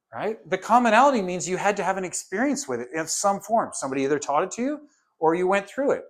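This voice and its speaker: A man teaching a course in a casual, conversational lecture, firing off rhetorical questions and briefly acting out what his students or parents might say. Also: fairly high pitch. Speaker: course instructor.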